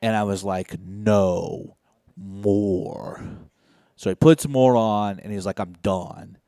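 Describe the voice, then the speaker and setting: A young man from Indiana doing a stand-up set on a comedy club stage, deadpan and low-key with sudden loud outbursts. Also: takes it slowly, dry recording, clean studio sound.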